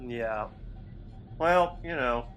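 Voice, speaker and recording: A man's voice: medium pitch, very slow, a bit bright, smooth, soft background music. A man co-hosting a casual fan podcast, upbeat and laughing often. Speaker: podcast co-host.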